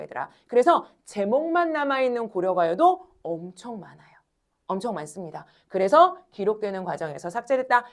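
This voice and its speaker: A woman teaching a classroom lecture, talking straight to her students, asking questions and answering them herself, and stretching words slowly when she demonstrates. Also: medium pitch. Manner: animated, addresses students directly, asks and answers own questions.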